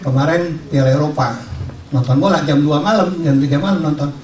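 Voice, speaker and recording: A high-pitched man gives a lively training talk to a room of salespeople, joking and firing questions at them. He sounds far from the mic, in an echoey room. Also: brisk. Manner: jokey, asks the audience questions, acts out scenes.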